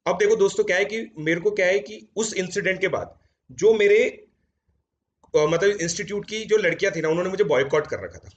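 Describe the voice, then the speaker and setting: A chatty man in his thirties tells his students a story, mixing Hindi and English and tossing in "theek hai" fillers. His voice sits a little high for a man. The sound is dull and lo-fi, recorded in a home studio. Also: brisk. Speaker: JEE coaching educator.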